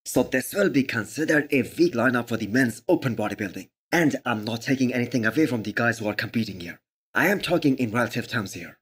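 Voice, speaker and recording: Husky man doing emphatic sports commentary. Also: mid-range voice, lively intonation, quick pace, fairly bright tone. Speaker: host of a fitness channel.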